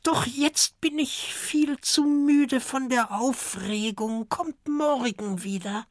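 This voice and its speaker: A man voicing an ancient, curious female giant turtle with a hoarse, croaky voice in a children's audiobook. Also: very high voice, no echo, clean studio sound, voice pushed up. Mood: gentle. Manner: slow, murmuring old-lady voice.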